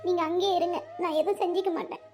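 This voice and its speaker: A woman's voice: extremely high pitch, fairly even intonation, fast talker, darkish tone, soft background music. A woman voicing a tearful, lovesick young woman in a cartoon, speaking. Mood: pleading. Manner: tearful, pleading. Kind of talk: cartoon voice acting.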